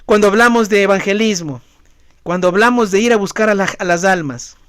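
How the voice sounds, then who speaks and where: A man's voice: high-pitched, a little fast, fairly bright tone, clear, resonant tone, no room sound, studio quality. A man who is a pastor preaching a sermon, emphatic and questioning the congregation directly. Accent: Ecuadorian Spanish.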